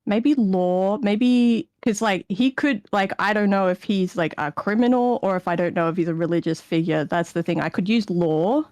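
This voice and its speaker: A woman's voice: medium pitch, moderate pace, hardly any pauses, darkish tone, no echo. A woman player in a tabletop game, giggling and playful as she voices her character. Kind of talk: casual tabletop role-play.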